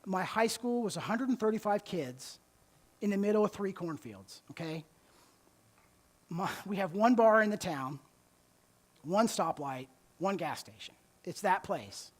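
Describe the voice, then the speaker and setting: A man's voice: high-pitched, lively intonation, a little slow, long pauses. A man giving a conversational church talk, often restarting words and checking in with his listeners. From United States. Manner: conversational, repeats words while restarting, checks in with "okay?" and "right?". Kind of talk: sermon-style talk.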